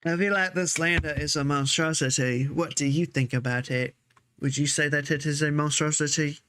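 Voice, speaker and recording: A man's voice: a little high, fairly even intonation, moderate pace, fairly bright tone. A young man streaming a game, chatting casually with friends in profane, joking banter. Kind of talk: casual gaming chat.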